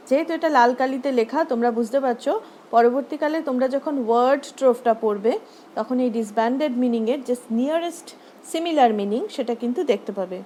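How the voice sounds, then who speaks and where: A woman teaching a primary school English lesson with a Bengali accent. She reads the English text slowly, word by word, and explains each phrase in Bengali. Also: high-pitched, a little mellow, slight background noise. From West Bengal, India.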